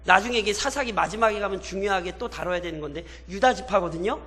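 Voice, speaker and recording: High, bright-voiced pastor preaching in a reverberant hall. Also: male voice, quick pace. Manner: expository preaching with rhetorical questions to the congregation; acts out biblical characters in mocking colloquial quotes. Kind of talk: sermon at a midweek prayer service. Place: church sanctuary.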